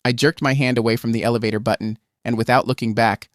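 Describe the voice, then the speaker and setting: A man narrating a scripted first-person horror tale in a steady, tense way. His voice sits at a middle pitch, and the close voice-over is dry, with no room echo. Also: quick pace.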